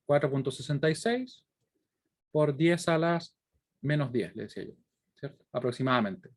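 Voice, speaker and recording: Speaking at normal speed with lively intonation, a male university lecturer with a Chilean accent and slightly high voice explains concepts didactically. He thinks out loud through worked examples and often stops to ask students brief check-in questions.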